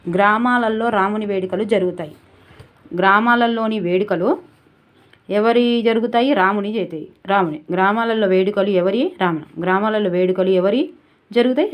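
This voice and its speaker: A young woman with a Telangana Telugu accent, tutoring for exams and repeating key words in sing-song drills. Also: mid-range voice. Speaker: exam tutor. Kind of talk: memory tricks for exam revision.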